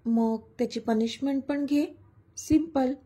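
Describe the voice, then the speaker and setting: A woman narrator reads the part of a young storybook romance hero who is lovestruck and teasing. She gives his lines softly, slowly and tenderly, in a fairly high voice that is warm, breathy and steady.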